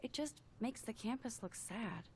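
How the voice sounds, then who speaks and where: An actress voicing an introspective, awkward teenage student in a video game, understated, thoughtful and quietly wry. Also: female voice, a little high, animated, unhurried, distant mic, a little hiss or hum. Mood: friendly, tentative.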